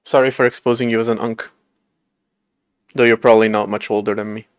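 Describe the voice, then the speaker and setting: A man's voice: lowish voice, little pitch movement, a little fast, clear, resonant tone, no room sound. Man, late twenties, casual livestream chat, rambling, laughs a lot, dry room sound. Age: late 20s. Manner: rambling, self-deprecating, laughs often. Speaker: livestreamer coding an operating system.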